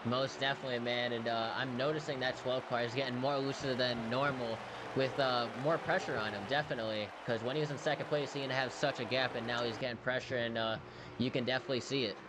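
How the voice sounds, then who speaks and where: A man's voice: fairly even intonation, fast. A man giving casual color commentary on a race in an informal, slightly hesitant way. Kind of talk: casual racing analysis. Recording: very noisy audio with vehicle-like rumble.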